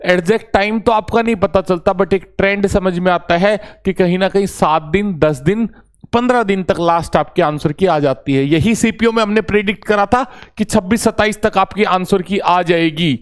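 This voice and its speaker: A man's voice: high voice, normal speed, clear, resonant tone. A man teaching as an exam coach, talking casually and reassuringly to students and calling them brother, with a touch. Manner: familiar, reassuring, often says brother.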